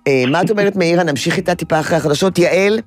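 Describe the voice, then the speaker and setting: An older woman speaks into a studio microphone, the sound dry and close. She hosts a call-in advice show as a child therapist. She explains things in a lively way and often slips into the voices of the children she describes. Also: fairly low pitch, no room sound, faint music behind. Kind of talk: call-in radio advice talk. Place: radio studio.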